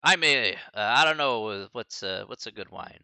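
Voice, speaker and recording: A man in his forties explains algebra in a live-streamed class, his voice swinging widely up and down as he talks. His tone is bright and crisp, close to a dry, dead mic. He breaks off to banter with the chat and laughs easily. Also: lowish voice, normal speed, no room sound. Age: 40s. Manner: lively, chatty asides to chat, laughs often. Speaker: college math instructor. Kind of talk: live-streamed math lecture.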